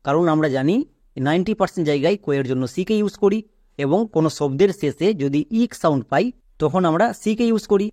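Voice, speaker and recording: A man walks through English pronunciation rules, raising his own questions and then answering them. His voice sits a little high for a man. The recording is dry and close, with no room sound. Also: expressive, quick pace, a little mellow, dry recording. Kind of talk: step-by-step spoken lesson.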